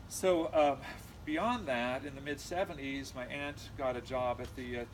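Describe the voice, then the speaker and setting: The nephew of the deceased, a middle-aged man from California, gives an informal eulogy in his American-accented, mid-range voice. His manner is halting and reminiscent, with frequent pauses. Steady background noise runs through this noisy amateur recording.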